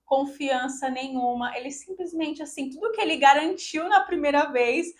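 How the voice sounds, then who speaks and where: A woman's voice: high-pitched, moderate pace. A young woman from Brazil telling viewers a personal story in a casual, emotional, indignant way, often addressing them directly. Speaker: vlogger.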